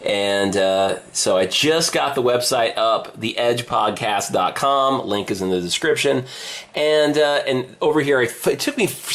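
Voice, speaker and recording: Speaking in a fairly low voice, a male podcast host offers an informal, halting behind-the-scenes vlog. He's self-deprecating throughout, and the recording takes place in the hallway of an old apartment with high ceilings.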